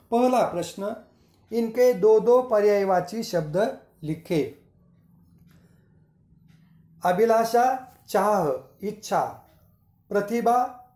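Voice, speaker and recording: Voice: mid-range voice, mellow, echoey room. A school teacher giving a recorded Hindi grammar lesson, reading word lists aloud one by one and adding short English glosses. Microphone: screen-recording voice-over.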